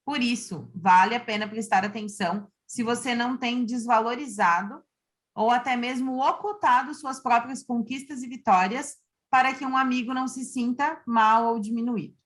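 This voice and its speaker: A woman in her thirties from Santa Catarina, co-hosting a podcast in a lively manner, chatting and reading prepared segments. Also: fairly high pitch, moderate pace. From Santa Catarina, Brazil. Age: 30s. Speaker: podcast co-host. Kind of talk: podcast chat and scripted reading.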